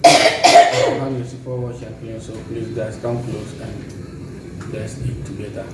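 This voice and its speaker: A man's voice: on the low side, steady tone, measured pace. A man with a Nigerian accent co-hosting a casual mukbang, chatting over a meal. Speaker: mukbang co-host. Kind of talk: casual mukbang eating chat. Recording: echoey room, distant mic, very noisy.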